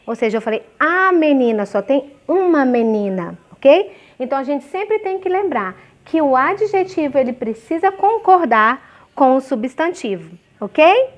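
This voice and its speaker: A woman's voice: high voice, sing-song. A woman teaching a grammar lesson to young children, sounding out example words syllable by syllable and often checking "ok?" and "certo?". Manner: slow, clearly syllabified examples with frequent checking questions. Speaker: primary school teacher.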